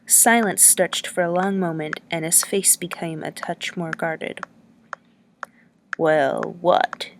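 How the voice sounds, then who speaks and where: Woman reading a story out loud, steady and even, lowish voice. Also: unhurried, hardly any pauses, background noise. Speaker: narrator.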